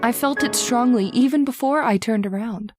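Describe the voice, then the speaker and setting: Voicing a lonely, romantic twenty-one-year-old daughter in an old-time radio horror drama, a woman narrates in first person with a wistful, formal manner. Her somewhat high voice, at normal speed and lightly acted, has music in the background.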